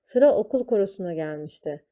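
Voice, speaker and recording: A woman reading a children's story aloud, slow and deliberate. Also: on the low side, animated, mellow.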